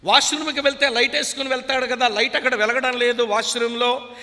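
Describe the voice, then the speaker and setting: Male preacher with a Telugu accent, very high and piercing voice, pleading and emotional. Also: flat delivery, quick pace, pushed and bright. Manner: emotional pleading preaching, addresses listeners as beloved. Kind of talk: sermon. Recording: long reverb of a large hall.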